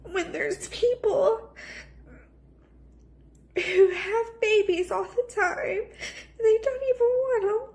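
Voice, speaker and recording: A woman's voice: very high voice, slow pace, creaky, pauses often, a little mellow. A woman in her thirties crying with a snotty, tearful voice as she talks in an emotional personal vlog. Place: small plain indoor room. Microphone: phone at arm's length.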